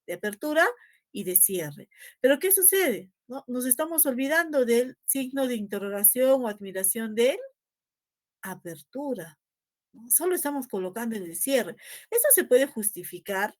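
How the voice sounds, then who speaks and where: A woman teacher with a Peruvian Spanish accent, patiently explaining a spelling lesson over slides and tagging her phrases with "¿no?". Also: a little high. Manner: ends phrases with a tag "¿no?".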